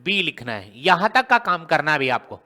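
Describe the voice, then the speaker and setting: A man teaches a maths lesson, working through a problem step by step and quizzing his students with one rhetorical question after another. His voice is on the high side and sharp, very animated, at a moderate pace.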